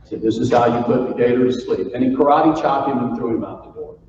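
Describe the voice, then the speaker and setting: In a large conference hall, a keynote speaker from Florida talks fast in a mid-range voice, joking and storytelling in a folksy style as he plays with the live audience. A crowd is audible behind him, and the distant, roomy recording is muffled with faint noise.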